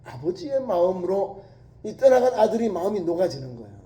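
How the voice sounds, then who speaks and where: A male pastor preaching a sermon, telling a story with emphasis and dropping from loud to hushed. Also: sits high, sing-song, brisk. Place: church sanctuary. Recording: echoey church hall.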